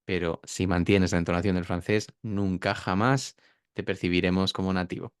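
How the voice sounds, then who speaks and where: Guy teaching pronunciation, lowish voice, smooth and clear, dry close sound. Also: steady tone, moderate pace, dry recording. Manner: demonstrates sounds by drawing out words. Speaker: pronunciation teacher, interview guest. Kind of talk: explanatory interview talk.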